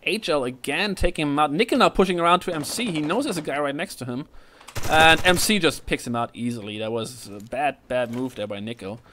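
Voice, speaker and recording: A man casting a live online shooter match, talking quickly and jumping up in pitch and volume at big plays. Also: sharp tone, slight background noise. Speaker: esports caster. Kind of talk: live play-by-play commentary.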